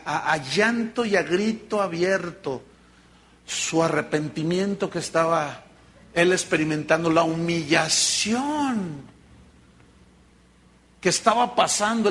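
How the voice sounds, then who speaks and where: A middle-aged man, preaching a sermon as pastor and retelling scripture in an animated, storytelling way. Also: sits high. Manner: animated storytelling, acting out dialogue.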